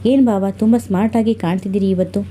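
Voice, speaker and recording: A woman voicing a playful, teasing young woman, the younger sister in an audio story, pitched up above her own husky voice. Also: fairly even intonation, quick pace, dark tone, lightly acted.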